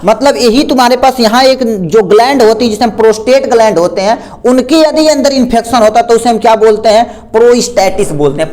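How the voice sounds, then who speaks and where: A man's voice: sits high, darkish tone. A man teaching a pharmacy class, explaining terms with a diagram and answering his own repeated questions.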